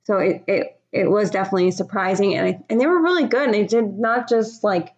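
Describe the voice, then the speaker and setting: A woman's voice: mid-range voice, a little fast, darkish tone, muffled recording. A woman co-hosting a casual podcast chat, playful and chatty. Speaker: podcast co-host.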